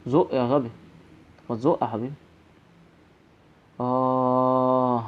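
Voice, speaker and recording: A man's voice: medium pitch, flat delivery, slow pace, clean tone, dull audio. A young man with an Egyptian Arabic accent giving horror game commentary, jumpy and nervously rambling. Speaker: gaming channel host.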